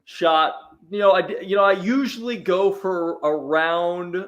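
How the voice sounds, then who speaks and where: A man's voice: high-pitched, measured pace, fairly bright tone, lo-fi sound. A man chatting as a guest on a sports talk show, telling easygoing stories with frequent restarts. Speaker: sports radio host, guest. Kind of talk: casual chat.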